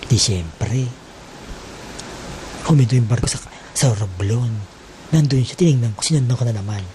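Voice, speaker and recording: A man's voice: medium pitch, background noise. A man telling a teasing, exaggerated gossip story in a casual, mocking way.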